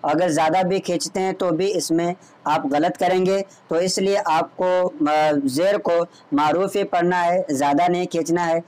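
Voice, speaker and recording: A man's voice: on the high side, darkish tone. A man teaching Quran reading online, patiently drilling letter sounds. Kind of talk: online recitation lesson.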